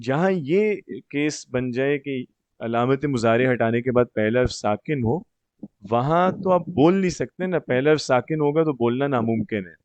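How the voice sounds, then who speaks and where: A man teaching grammar one-on-one, explaining rules step by step, slowing down on example words, and often checking that the student follows. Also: mid-range voice, expressive, darkish tone, no echo, highs cut off. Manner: slows down to spell out example words. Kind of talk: patient one-on-one grammar tutoring.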